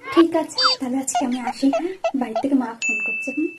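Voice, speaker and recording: A woman playing a young bride and wife in a comedy skit, with an exaggerated, lively delivery. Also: sits high, fast talker, heavy background noise. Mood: demure. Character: young bride, soft-spoken then shrill nagging wife. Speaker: comic actor. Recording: loud background music.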